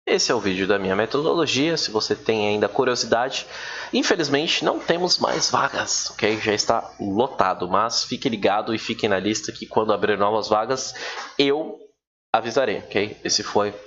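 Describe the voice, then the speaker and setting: A man with a lowish voice teaches in a loose, chatty way and draws out each example word slowly. The recording sounds dull and lo-fi, with faint noise underneath. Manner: relaxed, chatty, drawls English examples slowly. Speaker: English teacher. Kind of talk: casual recorded lesson.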